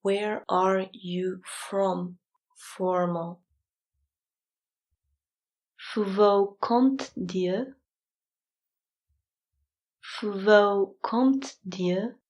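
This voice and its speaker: A woman reading phrases aloud for sleep learning, slow and calm, saying each one twice. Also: mid-range voice, poor audio. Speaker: language teacher reading phrases.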